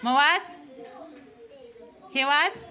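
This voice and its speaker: A woman's voice: sits high, extremely slow, sharp tone, slight background noise. A woman teaching young children in a classroom, coaxing answers with repeated short questions. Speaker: primary school teacher.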